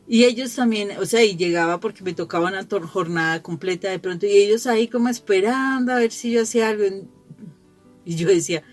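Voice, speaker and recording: A woman's voice: mid-range voice, a little fast, faint music behind. Chatty middle-aged woman, reflective. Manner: chatty storyteller who laughs often and restarts phrases. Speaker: lay speaker giving a family gospel reflection. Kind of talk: conversational gospel reflection with personal anecdotes.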